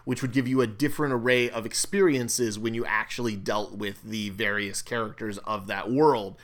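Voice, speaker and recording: A man's voice: fairly low pitch, steady tone, normal speed. A man co-hosting a casual board game discussion, talking in a loose, rambling way with fillers and restarts. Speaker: co-host.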